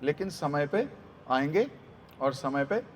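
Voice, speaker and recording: High-voiced man telling a devotional story. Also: slow pace, slight background noise. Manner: animated, dramatic storyteller. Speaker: preacher.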